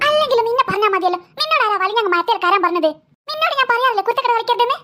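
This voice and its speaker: A woman voicing a sharp-tongued cartoon mother who scolds and nags her children. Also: extremely high pitch, expressive, racing, faint music behind, exaggerated voice. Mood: scolding. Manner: scolding, nagging. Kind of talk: cartoon voice acting.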